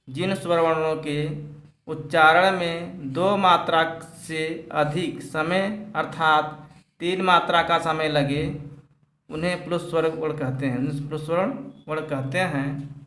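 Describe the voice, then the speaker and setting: A man teaching an exam-prep class in a slow, deliberate voice that sits a little high for a man. He repeats every point and chants through lists of vowels, and the echoey room rings around him. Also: steady tone, fairly bright tone. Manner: slow and deliberate, repeating each point and addressing viewers as friends; chants lists of vowels and recites a Sanskrit verse.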